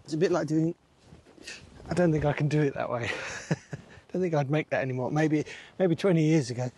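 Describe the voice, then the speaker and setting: A man's voice: fairly high pitch, fairly quick, a little mellow, a little hiss or hum. A middle-aged man talking casually as he works on his allotment, chatting and laughing to himself while digging and planting outdoors. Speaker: allotment gardening vlogger. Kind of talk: casual talk while working. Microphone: camera mic, sometimes far from the camera.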